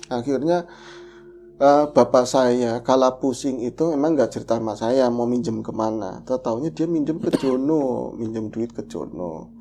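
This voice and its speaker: A man telling a horror story casually as a podcast co-host, lively and acting out the voices of the people in it. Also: medium pitch, a little slow, slight background noise.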